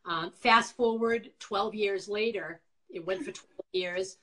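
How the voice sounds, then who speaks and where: A woman's voice: mid-range voice, slow, fairly bright tone, poor audio. A talkative middle-aged woman with a Boston accent, chatting casually as an interview guest and telling her own story. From Quincy, Massachusetts, USA. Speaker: interview guest, former nonprofit founder. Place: indoors, on a video call.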